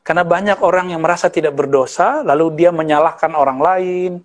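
A man's voice: a little high, brisk. A man in his thirties from West Sumatra, an Islamic preacher giving a conversational study lecture with Arabic terms and teasing asides. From West Sumatra, Indonesia. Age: 30s.

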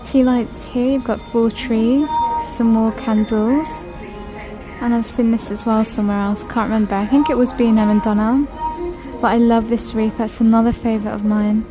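With music behind her, a woman from the United Kingdom narrates a shop-with-me walkthrough of a large indoor supermarket, filming on her phone, chatting, gushing over items and reading prices aloud. Her fairly high voice has a flat delivery at a moderate pace.

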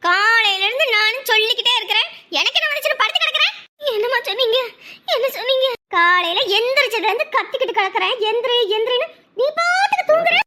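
A woman's voice: very high-pitched, expressive, fast, sharp tone, full character voice. A woman voicing a mistreated young stepdaughter in a cartoon, whiny and pleading. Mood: pained crying. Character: mistreated young stepdaughter, teen girl, tearful. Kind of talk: Tamil cartoon voice acting.

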